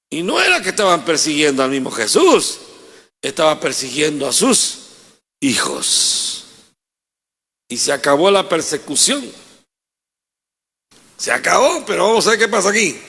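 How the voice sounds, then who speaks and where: A male pastor preaching with a bright, gravelly voice that leaps up and down in pitch. His delivery is dramatic, with sudden loud bursts as he reads scripture, and the sound carries a long echoing hall reverb. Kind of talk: sermon.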